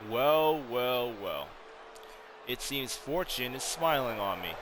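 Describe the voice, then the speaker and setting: A man voicing a scheming, villainous wrestling challenger who taunts his rival in a slow, menacing way. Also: medium pitch, expressive, a crowd in the background, background noise. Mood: taunting, menacing. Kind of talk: hobby wrestling storyline role-play.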